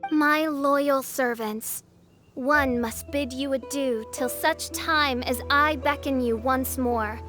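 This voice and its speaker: A high-pitched, self-styled gothic princess in her teens, holds forth in an overacted anime dub manner. Her delivery is slow, pompous and melodramatic, full of archaic flourishes, with faint music beneath. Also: fairly bright tone. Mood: grandly solemn. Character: theatrical teenage girl posing as grandiose gothic princess.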